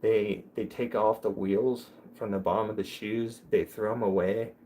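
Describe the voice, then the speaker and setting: A young man with a fairly low, dark voice and little pitch movement chats casually on a livestream at normal speed, rambling through joking stories. A little hiss or hum is audible.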